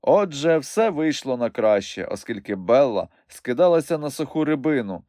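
A man reading a novel aloud as a first-person audiobook narrator, in an expressive, animated way. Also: mid-range voice, normal speed, no echo, clean studio sound.

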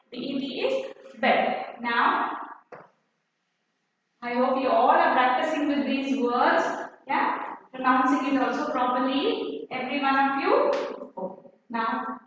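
A woman's voice: high voice, fairly bright tone. A woman with an Indian English accent teaching kindergarten phonics. She spells words letter by letter and keeps checking in with a questioning "okay?". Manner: slow, drawn-out spelling with rising questioning checks. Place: school classroom. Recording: distant echoey classroom, lo-fi, faint hiss.

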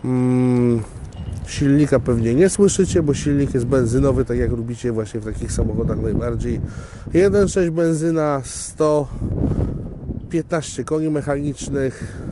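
A man presenting a used car to viewers in a chatty salesman manner, recorded on a camera outdoors on a windy gravel lot. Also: mid-range voice, unhurried. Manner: chatty salesman, upbeat, addresses viewers directly. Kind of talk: casual walkaround car presentation. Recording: outdoor camera audio with wind noise.

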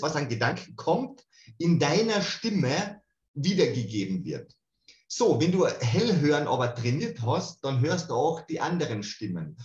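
A man gives an online lecture in a casual, colloquial way, often asking "okay?". His voice sits slightly high and swings widely in pitch. The video-call audio sounds roomy and dull. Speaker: energy healing lecturer.

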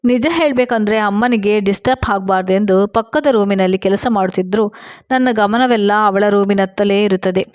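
A woman narrating a first-person family story in a soft, earnest reading voice, sometimes dropping to a whisper. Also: medium pitch, no room sound, clean studio sound.

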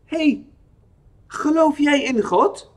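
A man's voice: very high voice, sing-song, extremely slow, mellow, voice pushed up, heavily acted. A man voicing a nervous, earnest young boy who speaks up with a trembling voice in a children's storybook reading.

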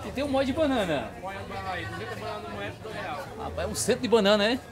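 A man's voice: high voice, big pitch swings, moderate pace, over a noisy crowd. A man with a Northeastern Brazilian accent hosting a walking vlog through an outdoor street market, chatty and asking vendors their prices. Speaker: market vlogger host. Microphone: handheld mic.

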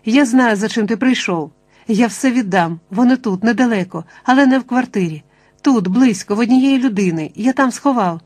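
A woman's voice: medium pitch, moderate pace, a little mellow, no echo, close to an everyday voice. A woman voicing a panicked plump middle-aged man who begs in a rush of pleading words. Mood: frantic pleading. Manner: frantic, pleading, tumbling words.

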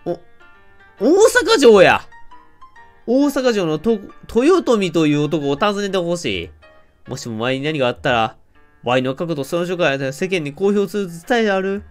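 A man voicing the spirit of a murdered man from Kansai, speaking through someone else's body in an exaggerated, slow, low fake Kansai dialect. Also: sing-song, faint music behind. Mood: solemn. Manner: slow, low, theatrical spirit-medium delivery.

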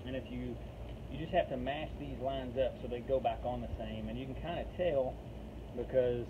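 A man of medium pitch walks through a repair step by step in a relaxed, casual how-to style, as a DIY vlogger handling tools outside at a vehicle's open back. It's captured on tinny phone audio with plenty of outdoor noise.

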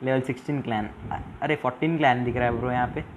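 A man's voice: medium pitch, fairly even intonation, fast talker, noisy background. A young man hosting a casual live game stream, reading viewer comments aloud, mixing English into Hindi and often pleading for subscribers. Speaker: live-stream gaming host.

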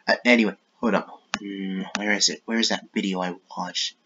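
A man whose voice sits low, with fairly even intonation and a sharp tone, hosts a YouTube gaming channel at a moderate pace. He rambles in a relaxed way and often interrupts himself mid-thought to apologize and shift topics. The highs are cut off, and there is slight background noise.

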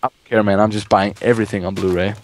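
A man's voice: on the low side, level tone, quick pace, slight background noise. A young man hosting a gaming video, chatting casually and rambling about movies while playing. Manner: rambling, swears when startled. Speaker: let's play host.

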